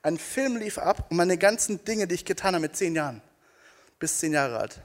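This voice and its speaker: Eifriger Prediger mit hoher Männerstimme. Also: male voice, high-pitched, animated, moderate pace. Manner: emphatic, rhetorical questions to the audience. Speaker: preacher. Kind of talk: energetic youth sermon. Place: stage before a live audience.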